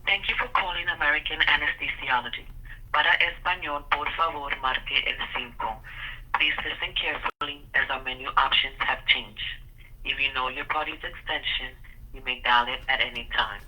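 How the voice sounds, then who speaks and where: A polished automated phone-menu message played back over a phone line, read in an even announcer manner. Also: mid-range voice, normal speed, breathy edge. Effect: automated recorded phone menu message.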